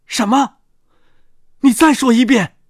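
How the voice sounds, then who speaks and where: A storyteller voicing a remorseful male criminal in a children's story, pleading and sobbing in a strained, high voice. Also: slow pace, no echo, studio quality. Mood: anguished disbelief.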